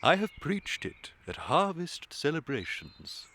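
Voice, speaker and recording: In a heavily acted period stage comedy on radio, a man plays a fussy, kindly middle-aged English clergyman who is pompous and unctuous. His voice is on the high side with huge pitch swings and a sharp tone, delivered in a deliberate, sermonising manner over slight background noise.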